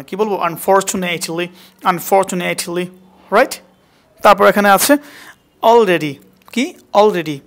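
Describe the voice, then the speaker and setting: A man's voice: sits high, fairly bright tone. A man teaching a spoken English class, repeating words again and again to drill pronunciation and quizzing his student.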